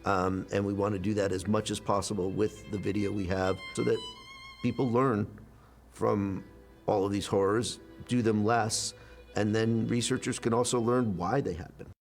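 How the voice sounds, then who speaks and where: A man's voice: fairly low pitch, steady tone, normal speed, gravelly, soft background music. A man interviewed as a foundation representative, explaining in a reflective way with occasional fillers.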